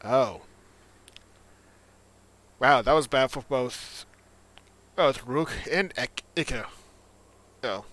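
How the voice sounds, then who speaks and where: A man's voice: mid-range voice, extremely slow, pauses often, fairly bright tone. A man narrating a solo tabletop game, thinking aloud in a reflective way with sighs.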